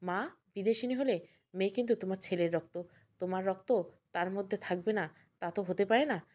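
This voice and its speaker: A woman's voice: mid-range voice, normal speed, darkish tone, close to an everyday voice. A woman voicing a kindly, firm older father who reasons with his wife.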